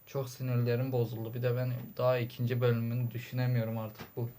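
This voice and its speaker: A man's voice: mid-range voice, completely flat delivery, fast talker, warm tone. A man giving casual gameplay commentary, grumbling and exasperated, with sudden frustrated outbursts. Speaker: gaming channel host.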